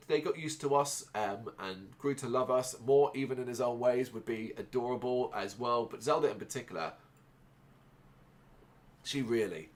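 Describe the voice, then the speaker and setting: A man who grew up in Ireland speaks in a loose personal monologue at a middling pitch. He rambles, restarts his sentences and fills the gaps with ums and uhs. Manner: rambling, halting, with many restarts and fillers. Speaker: podcast host.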